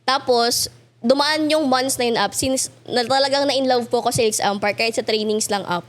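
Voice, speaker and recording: A young woman speaking as a guest in a casual interview, laughing often and mimicking others in a higher voice. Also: steady tone, normal speed. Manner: laughs often, mimics her parents in a high voice.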